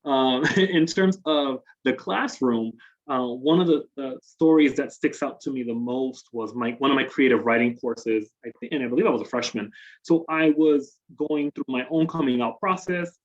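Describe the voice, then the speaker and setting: A young man presenting a workshop over a video call, speaking at an average pitch with a relaxed, conversational delivery full of "um"s and "right?". The audio is slightly muffled and dull, as from a call. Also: moderate pace. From Dominican Republic. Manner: conversational, many fillers and tag questions. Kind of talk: presentation with slides.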